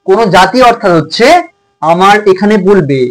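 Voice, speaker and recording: A man's voice: sits high, fairly quick, fairly bright tone, rough recording. A man tutor teaching a grammar lesson to schoolchildren, repeating points and checking in often. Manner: repetitive, checks in with "okay?".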